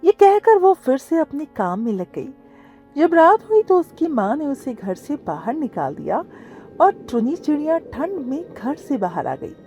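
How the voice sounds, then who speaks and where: A woman narrating a children's cartoon story in an expressive storytelling manner, also voicing the gentle heroine bird. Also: high-pitched, a little slow, soft background music.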